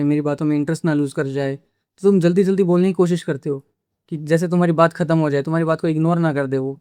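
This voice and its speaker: Crisp-voiced man giving blunt advice. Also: a little high, darkish tone, dry recording, studio quality. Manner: direct, lecturing, addresses viewer as "you"; mixes English phrases into his talk. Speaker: communication skills YouTuber. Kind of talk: casual instructional talk to camera.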